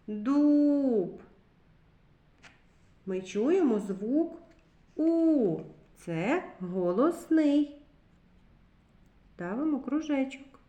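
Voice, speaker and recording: A woman teacher giving a slow literacy lesson to young children, carefully sounding out each word. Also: fairly high pitch, dark tone, reverberant. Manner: slow, clearly sounding out words. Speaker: kindergarten teacher.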